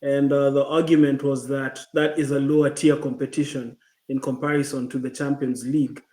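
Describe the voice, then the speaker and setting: Hesitant mellow-voiced man, echoey room. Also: mid-range voice, little pitch movement, normal speed. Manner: hesitant, many ums and restarts. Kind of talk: casual football chat.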